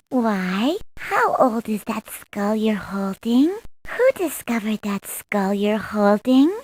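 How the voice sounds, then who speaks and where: Princess Peach, high, lilting game princess. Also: female voice, darkish tone, full character voice, poor audio. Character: sweet young cartoon princess from a video game. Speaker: quiz character voice in an educational game. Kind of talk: scripted quiz questions, read out carefully.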